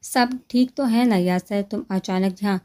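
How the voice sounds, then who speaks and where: A woman reading the lines of a caring, regretful male boss in an audiobook novel, in a gentle, even manner. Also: fairly low pitch, close to an everyday voice. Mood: calm. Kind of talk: storybook reading.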